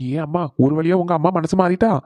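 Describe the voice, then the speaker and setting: Woman voicing a firm, fast-talking young husband. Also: deep voice, fairly even intonation, mellow, no echo, lightly acted. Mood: reassuring. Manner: firm, reassuring. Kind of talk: cartoon voice acting.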